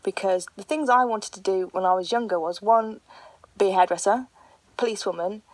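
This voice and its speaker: A woman's voice: medium pitch, fairly quick, no room sound, rough recording. A woman talking informally and conversationally as a guest on a radio panel. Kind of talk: casual chat. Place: live radio studio.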